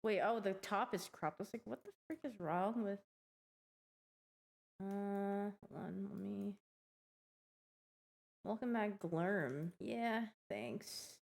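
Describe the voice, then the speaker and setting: A woman's voice: medium pitch, slow pace, gravelly, pauses often, a little mellow. A young woman giving casual live-stream game commentary, playful and slangy, reacting aloud as she plays.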